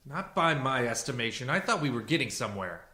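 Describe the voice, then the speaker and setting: In a radio play, an actor voices a blunt, self-assured civilian interrogator and psychologist with a dry, cutting manner. His medium-pitched voice is bright and forceful, brisk, and swings widely in pitch, sounding irritated and sharp.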